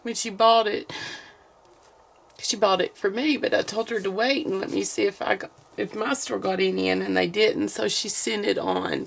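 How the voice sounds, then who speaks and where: A woman's voice: fairly high pitch, creaky. A woman with a Southern US accent chatting casually to viewers as a vlogger. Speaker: vlogger opening mail.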